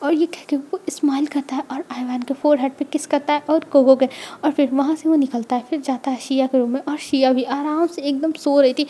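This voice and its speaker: A woman's voice: sits high, warm tone. A woman retelling a story aloud in an informal way, explaining as she goes. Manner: informal retelling, filler phrases like "matlab". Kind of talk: storybook narration read aloud.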